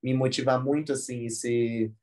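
A man's voice: mid-range voice, normal speed. Young man, Brazilian accent, interview guest, casual storytelling, slangy, lots of fillers. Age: young adult. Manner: relaxed slangy talk full of fillers like "tipo" and "assim". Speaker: guest dancer.

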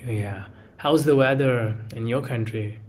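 A man's voice: medium pitch, unhurried, darkish tone, a little hiss or hum. A young man practicing English over a video call, hesitant and a little under the weather with a cold. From grew up in India. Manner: hesitant, many fillers and restarts. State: has a cold. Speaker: English learner. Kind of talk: casual video-call chat. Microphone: earbuds on a video call.

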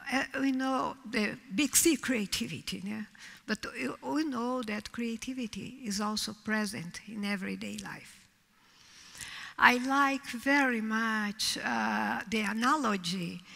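Older woman, Brazilian Portuguese accent, slow keynote lecture, gravelly bright voice, large echoing hall. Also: on the high side. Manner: measured, trailing off softly at line ends. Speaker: keynote speaker. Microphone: podium microphone on a stand. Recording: reverberant hall, heard from a distance.

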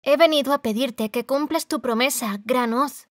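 A woman's voice: sits high, moderate pace, dry recording, studio quality, pitched above the performer's own voice, natural voice. A woman voicing an earnest young girl who speaks insistently in an audiobook.

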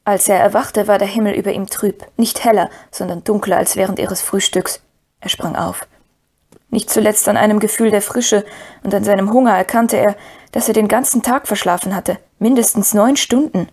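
A woman's voice: mid-range voice, fairly even intonation, a little fast, a little mellow, husky. Woman reading a fantasy audiobook. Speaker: audiobook reader. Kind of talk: scripted narration.

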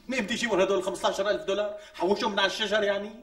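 An actor playing a harried young husband short of money, with a Syrian Damascene accent, protesting in exasperation. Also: male voice, sits high, steady tone, rapid-fire, a bit bright. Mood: exasperated. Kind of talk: TV sketch acting. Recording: distant mic with faint music.

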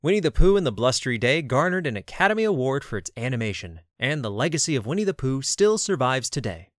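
A man narrates a documentary script with a very lively, rising and falling delivery. His voice sits at an ordinary pitch and sounds close and dry, with no room around it. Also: fast, dry recording.

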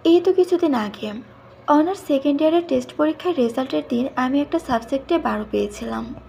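A woman's voice: high-pitched, fairly quick, creaky, a little mellow, faint music behind. A woman narrating a story in the first person, reading in a plain conversational way. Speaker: audiobook narrator.

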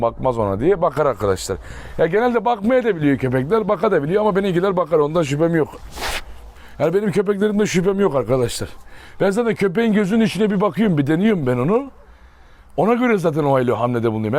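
A man's voice: a little high, darkish tone. Man coaxing his dogs. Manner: coaxing, affectionate commands to dogs. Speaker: dog breeder vlogger. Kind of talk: casual vlog talk to viewers and dogs.

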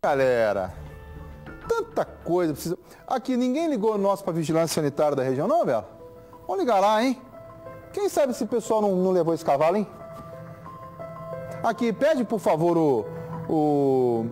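A man in his forties with a Minas Gerais Brazilian accent, giving emphatic, colloquial commentary as a TV host. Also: on the high side. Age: 40s. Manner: emphatic, colloquial, appealing to viewers. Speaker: TV news show host. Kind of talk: informal opinionated studio commentary. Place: TV studio. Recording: studio broadcast with loud background music.

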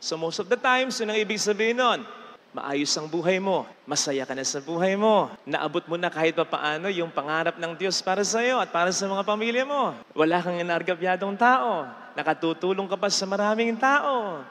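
A young Filipino priest giving an animated homily on a handheld mic in a large church, mixing English phrases in and slowing down to stress key lines. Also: male voice, high-pitched, long reverb tail. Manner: animated, gesturing with raised arm. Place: large church sanctuary before an altar.

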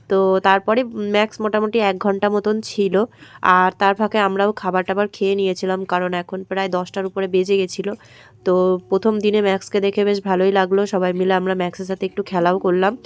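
A woman with a hoarse throat, chatting straight to her viewers in a daily-life vlog voice-over recorded at home. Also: medium pitch, no room sound. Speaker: vlogger.

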